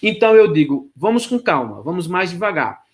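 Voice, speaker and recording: Speaking fairly quickly and with great animation, a man with a fairly high voice gives a lecture on choral rehearsal. He talks directly to his students, explains exercises instructively, and sings solfège syllables to illustrate them.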